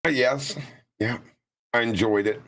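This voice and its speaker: A man's voice: medium pitch, unhurried, fairly bright tone. A man co-hosting a podcast, chatting casually and teasing his partner with dry jokes. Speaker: podcast co-host. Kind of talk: casual chat.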